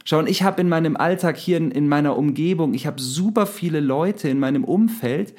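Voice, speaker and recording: A man's voice: on the high side, fairly quick, a little mellow. A man and musician telling a personal anecdote in a casual, reflective way, speaking directly to the listener. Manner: conversational, addresses the listener directly. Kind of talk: casual spoken storytelling with reflection.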